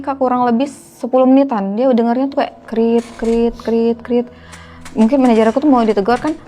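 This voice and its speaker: Young woman, higher-pitched. Chatty guest telling a spooky story. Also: a little mellow. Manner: chatty, keeps addressing the listener as "Kak". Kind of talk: casual horror storytelling.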